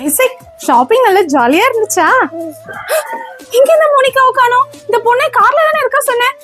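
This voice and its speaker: A woman playing a shrill, bossy stepmother. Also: animated, normal speed, fairly bright tone, faint music behind. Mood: frantic. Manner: scolding, then frantic calling out. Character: bossy stepmother, adult woman, stern and fretful. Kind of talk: comedy skit acting.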